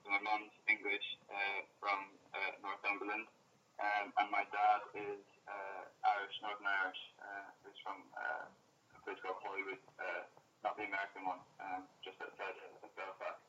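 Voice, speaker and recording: A young man from Fife with a Fife Scottish accent, chatting casually and haltingly as an interview guest. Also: on the low side, monotone, sharp tone. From Fife, Scotland. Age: young adult. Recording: distant, noisy, phone-like narrow audio.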